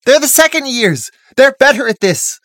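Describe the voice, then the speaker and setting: Voiced by a storyteller, an anxious young girl student in a storybook, pitched high and raised in volume. She sounds unsure of herself, with a lively, shifting tone. The recording is dry and close. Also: moderate pace, no echo. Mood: worried. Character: young female student Gwen, worried.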